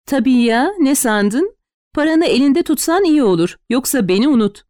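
A blunt, sardonic woman lieutenant answers with a dry edge, as the narrator puts her on. Her lines sit a little high with a lively, swinging melody. The sound is close and dry. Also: normal speed, dry recording. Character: tired blunt woman police lieutenant, wry.

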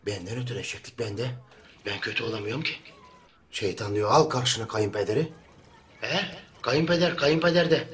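An actor playing a municipal worker whose announcement and complaints go out over a public loudspeaker. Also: male voice, mid-range voice, brisk, long pauses. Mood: grumbling. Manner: formal announcing, then grumbling loudly. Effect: heard over a public loudspeaker. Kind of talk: TV comedy drama acting.

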